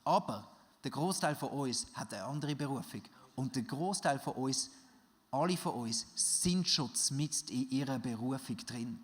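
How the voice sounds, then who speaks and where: A man with a Swiss German accent preaching a sermon, swinging from loud urging to soft, quiet passages. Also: mid-range voice, lively intonation, normal speed. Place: large church hall. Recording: long reverb of a big hall.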